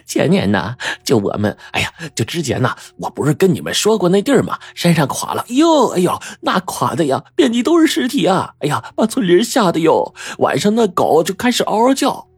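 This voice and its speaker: A man's voice: high voice, huge pitch swings, brisk, few pauses, husky, no echo, voice pushed up, exaggerated voice. A man putting on a gabby village landlady. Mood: excited. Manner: gabby, exclaiming, full of fillers. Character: chatty gossiping middle-aged village landlady. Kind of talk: audiobook character voice.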